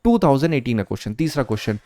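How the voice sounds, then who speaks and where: A man's voice: medium pitch, sing-song, very fast, warm tone, no echo. A man teaching an exam prep lesson, explaining step by step and quizzing his students with questions, mixing Hindi with English terms. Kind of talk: lecture.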